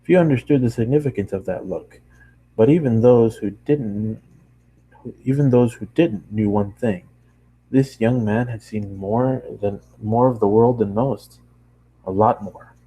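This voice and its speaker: Low, husky and mellow, this man's voice moves unhurriedly through a story, an amateur fan fiction reading where he sometimes trips over words and fixes them. Audio quality is poor.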